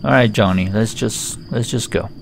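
A man's voice: lowish voice, normal speed, creaky, slight background noise. A man giving chatty, joking let's-play commentary on a horror game. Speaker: gaming YouTuber.

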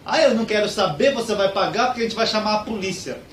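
Joke figure: flamboyant young man, shrill and theatrical, put on by a male joke teller. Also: fast talker, a bit bright. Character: flamboyant young man screeching over a dented car. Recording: echoey room, far from mic.

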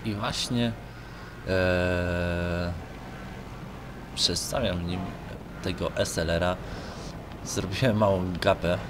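This young Polish man has a low, fairly even voice and speaks slowly, leaving long pauses. A gaming video creator, he rambles casually and hesitantly in colloquial speech while playing. His noisy home mic also picks up the game's car engine sounds.

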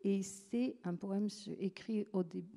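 A woman's voice: mid-range voice, fairly even intonation, slow pace, dark tone. A woman writer talking onstage at a live literary evening, reflective and hesitant, with many fillers and restarts. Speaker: guest writer. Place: theatre stage before an audience. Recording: live event audio capture.

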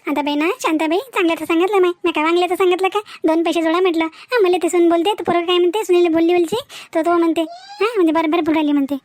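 A woman's voice: very high-pitched, animated, racing, a little mellow, dry recording. A woman voicing a hurt, complaining older village mother-in-law in a cartoon. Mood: aggrieved. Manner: plaintive, complaining. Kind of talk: cartoon voice acting.

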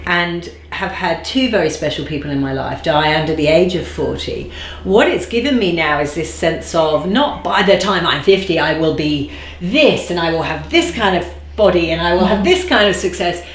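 A woman in her forties, a guest in an interview, speaking thoughtfully and slowing down to stress key phrases. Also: fairly low pitch, expressive, a little hiss or hum. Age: 40s. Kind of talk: reflective conversational interview. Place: bright living room, seated on a sofa. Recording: roomy echo.

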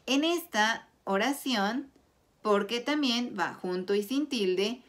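Slow, deliberate Spanish teacher woman. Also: a little high, lively intonation. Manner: clear, deliberate explanation with example sentences. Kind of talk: slow scripted grammar lesson.

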